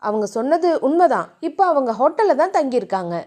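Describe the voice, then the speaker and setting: A loyal young male assistant, voiced by a woman narrator reports to his boss in a quick, dutiful way. His voice stays high and lively in this audiobook.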